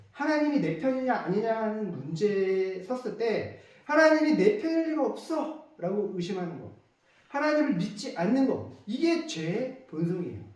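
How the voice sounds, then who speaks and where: A man's voice: sits high, darkish tone. A male pastor delivering an emphatic sermon full of rhetorical questions, heard from a distance in an echoey church.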